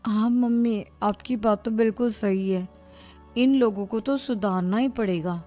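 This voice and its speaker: A woman's voice: mid-range voice, a little slow, dark tone, soft background music, close to an everyday voice. Woman playing a plaintive, fed-up young wife. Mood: earnest. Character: complaining young married daughter, fed up with lazy husband. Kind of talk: moral-story cartoon voice-over.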